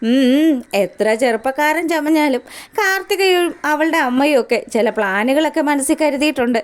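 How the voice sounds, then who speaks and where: A woman retelling a TV serial episode in a chatty, animated storytelling style. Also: high-pitched, normal speed. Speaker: serial recap narrator. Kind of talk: casual storytelling recap.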